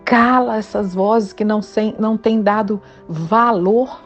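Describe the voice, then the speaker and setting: A woman's voice: medium pitch, fairly even intonation, unhurried, lo-fi sound, faint music behind. Fervent woman preacher. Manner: fervent, declaiming, breaks into speaking in tongues. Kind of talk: prophetic sermon.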